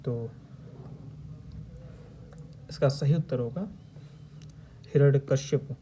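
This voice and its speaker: A man's voice: mid-range voice, steady tone, unhurried, warm tone, slight background noise. A man teaching a Hindi exam lesson. He reads out each multiple-choice question and its options, then patiently explains which spelling or sentence is correct. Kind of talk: previous-year paper discussion lesson.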